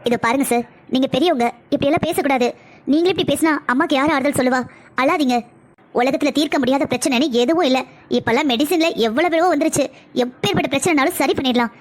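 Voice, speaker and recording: A woman voicing a busy female doctor in a cartoon, talking in a brisk, commanding but reassuring way. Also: high-pitched, natural voice. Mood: stern reassurance. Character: calm, firm female doctor, a busy pediatrician. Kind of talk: cartoon voice acting.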